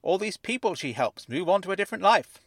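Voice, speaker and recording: A man voicing an excitable middle-aged newspaper writer with a fuzzy, wobbly, slightly distorted voice and a gushing way of talking. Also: high voice, fast, husky, dry recording, voice pushed up, exaggerated voice. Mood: excited. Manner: effusive, gushing, rambles when excited.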